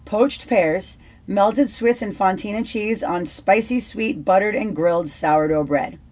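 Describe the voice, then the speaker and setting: A woman co-hosting a casual podcast, giving prepared answers in a measured, steady way. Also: mid-range voice. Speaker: podcast co-host.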